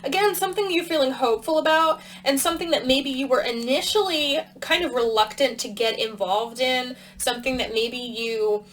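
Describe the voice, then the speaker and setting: A woman's voice: high voice, normal speed, few pauses, fairly bright tone, slight background noise, rough recording. A woman giving a casual tarot reading to her viewers, thinking aloud with plenty of fillers while talking around a cough drop. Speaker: tarot reader.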